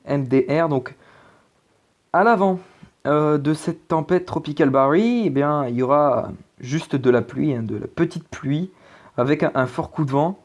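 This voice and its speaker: A man's voice: on the high side, a little slow, highs cut off. A man talking through a weather forecast in a casual, hesitant way, with many fillers and restarts. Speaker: amateur weather presenter. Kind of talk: casual forecast commentary over weather maps.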